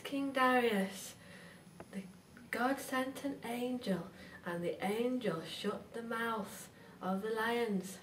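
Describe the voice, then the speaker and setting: A woman telling a Bible story to young children in a gentle, sing-song way, often asking the listener questions. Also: on the high side. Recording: roomy, distant mic, faint background hiss.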